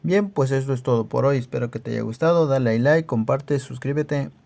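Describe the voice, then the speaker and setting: A man teaching a video language lesson, patiently repeating phrases slowly for learners. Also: medium pitch, creaky, a little mellow. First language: Nahuatl.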